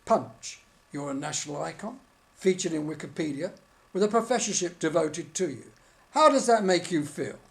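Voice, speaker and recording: A polite, formal interviewer in a scripted mock studio interview. The delivery is straight-faced, yet the pitch moves about in a lively way. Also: normal speed.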